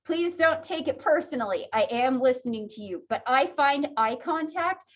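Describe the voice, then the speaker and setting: A woman's voice: sits high, animated, normal speed, a bit bright. A woman teaching a psychology class in a chatty, conversational lecture style, laughing often. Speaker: psychology instructor.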